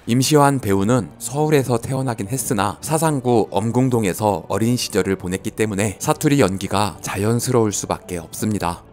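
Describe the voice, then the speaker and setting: A man narrating a film commentary in a calm, informative way, with light jokes. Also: lowish voice, fairly quick, few pauses, soft background music. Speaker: movie channel narrator.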